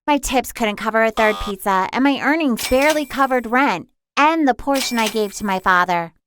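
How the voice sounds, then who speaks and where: A young woman tells her own story in the first person, in an earnest, confessional tone. Her voice sits a bit high, with a faint hiss behind it. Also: lively intonation, normal speed, a bit bright. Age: young adult. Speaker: narrator.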